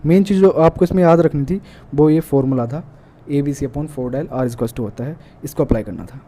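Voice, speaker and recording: A man's voice: on the high side, normal speed, warm tone. A man with an Indian accent teaching an exam-prep math lesson, working through problems step by step and mixing in English math terms. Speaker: math tutor. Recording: faint background noise.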